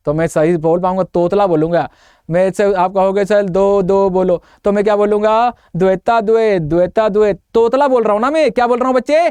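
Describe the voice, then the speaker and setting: A man gives a lively exam-prep lecture, repeatedly posing questions to his students and answering them himself, with jokes and playful memory tricks. His voice is high-pitched, clear and resonant, with no room sound.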